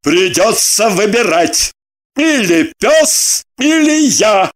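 Pompous blustering husband put on by the reader, deep changed voice, slow and swinging. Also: lively intonation, close to an everyday voice. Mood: bellowing. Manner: booming, drawn-out exclamations. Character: pompous middle-aged husband, blustering and self-satisfied.

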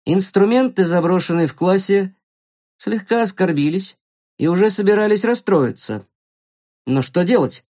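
A narrator reading a storybook aloud in an expressive, playful way. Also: medium pitch, moderate pace.

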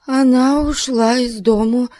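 A scheming middle-aged lady gushes with sugary, false concern in a raised voice, as a woman reads her part. She drags out her words slowly and the sound is dry and close. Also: on the high side, steady tone, warm tone, no echo, pitched above the performer's own voice, natural voice. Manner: gushing, falsely solicitous.

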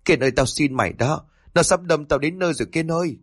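A man voicing a panicky young man in a ghost story, shouting and pleading in quick, frantic outbursts. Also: on the high side, slightly rough, no echo, clean studio sound, voice pushed up. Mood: panicked. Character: panicky young man, foul-mouthed and whiny.

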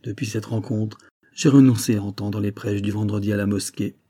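A man reading the part of a desperate, impoverished father who pleads and then questions his faith bitterly, in a mellow, husky voice. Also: fairly low pitch, steady tone, a little fast, close to an everyday voice. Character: despairing poor older father, bitter.

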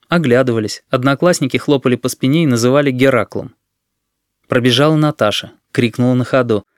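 Man, audiobook narration, steady, dry close recording. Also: medium pitch, no room sound. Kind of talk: scripted narration.

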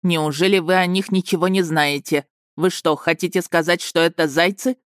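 Stern male space captain, slow and commanding, low dry voice, voiced by a woman. Audiobook. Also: fairly even intonation, smooth, no room sound, lightly acted. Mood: puzzled. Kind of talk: audiobook character reading.

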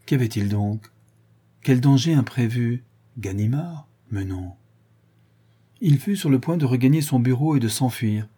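A man narrating a classic adventure novel in a measured, dramatic way. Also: mid-range voice, dark tone, husky. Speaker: audiobook narrator. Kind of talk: scripted narration.

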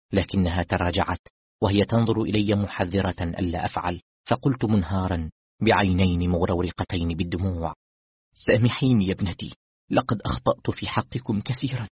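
A man narrating a novel in the first person in a measured, somber tone. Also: low-pitched, husky, no echo. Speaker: audiobook narrator. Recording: dull lo-fi dry recording.

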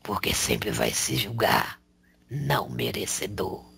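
A man channeling a male spirit who preaches in a slangy, raspy whisper, tagging lines with rhetorical questions. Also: lowish voice, wildly swooping pitch, slow, a bit bright, heavily acted. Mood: preaching. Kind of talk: spiritual counsel.

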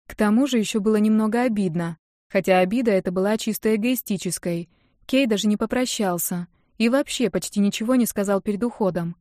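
A woman narrating a first-person audiobook in a calm, even storytelling manner. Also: mid-range voice, a little fast, no room sound, studio quality.

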